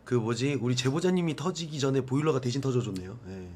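A man's voice: mid-range voice, quick pace, darkish tone, slight background noise. A man hosting a ghost investigation in a casual, joking, informal way with questions and commentary.

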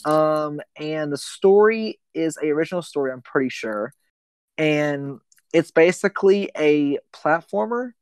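A man's voice: fairly high pitch, lively intonation, measured pace, a little mellow, clean tone, dry recording. A young man hosting a casual gaming podcast, rambling with lots of ums and restarts. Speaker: podcast host.

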